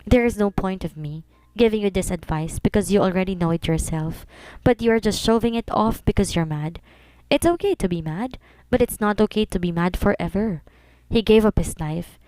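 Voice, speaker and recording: A woman's voice: mid-range voice, normal speed, warm tone, clean tone, no echo, lightly acted. A woman playing a cousin giving firm advice. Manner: lecturing, firm.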